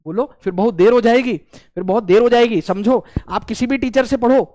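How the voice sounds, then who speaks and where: High-voiced, playful physics teacher. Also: male voice, brisk, mellow, dry recording. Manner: playful, slangy, acts out student replies. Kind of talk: lively exam-prep physics lecture.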